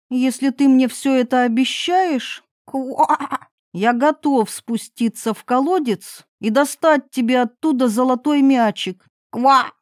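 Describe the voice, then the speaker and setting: A woman voicing a small, persistent male frog who croaks between slow, drawn-out pleas in a storybook reading. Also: sits high, no room sound, clean studio sound, pitched above the performer's own voice. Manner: croaks "kva" between phrases.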